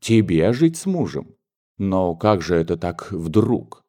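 A man's voice: low-pitched, sing-song, takes it slowly, dark tone, heavily acted. A man voicing a flustered middle-aged mother who frets and stumbles over her words. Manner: fretful, hesitant, flustered.

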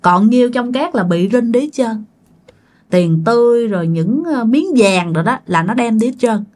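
A woman's voice: fairly high pitch, normal speed, a little mellow. Chatty Southern Vietnamese woman telling a story. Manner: chatty, addresses listeners directly, many fillers. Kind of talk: casual spoken ghost story.

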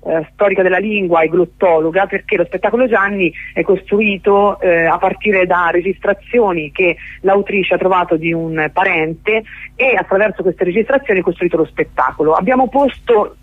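A woman speaks as a festival organiser in a radio interview over a narrowband telephone line, in a lowish voice at normal speed with a dry sound. She explains at length, hesitant and long-winded, often searching for words.

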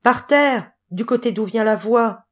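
Woman doing a tiny cheeky storybook boy. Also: unhurried. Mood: eager. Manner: high, bright, calling out.

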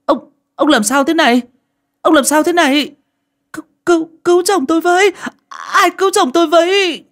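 A man voicing a frantic village wife screaming in panic for help for her husband, with shrill, desperate wailing. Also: normal speed, a bit bright. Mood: panicked, shrieking.

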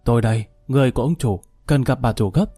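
A man's voice: medium pitch, fast, mellow, husky, no echo, soft background music, lightly acted. A man voicing an old henchman, urgent and pleading.

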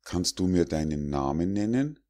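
A man's voice: sits low, lively intonation, normal speed. A man doing a clever, wary squirrel. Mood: polite wary. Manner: courteous, gently mocking. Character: wary clever squirrel, polite and quick-witted. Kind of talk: storybook fable reading.

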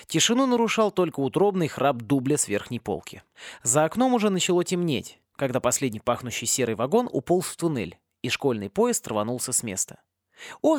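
A man narrating a comic fantasy audiobook in an expressive reading. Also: on the high side, dry recording, clean studio sound. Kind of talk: scripted narration.

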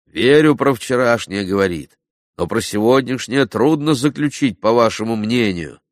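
A man voicing an offended gentleman in a duel, sardonic and irritated, in an audiobook. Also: medium pitch, animated, normal speed, dry recording, studio quality, close to an everyday voice.

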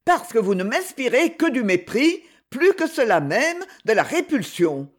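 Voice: mid-range voice, very animated, a little slow. A narrator voicing a proud young woman who answers with firm, scornful defiance.

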